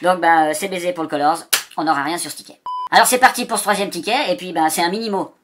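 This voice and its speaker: A man's voice: sits high, fast talker, noisy background. A man chatting casually and swearing freely as he scratches lottery tickets in a vlog.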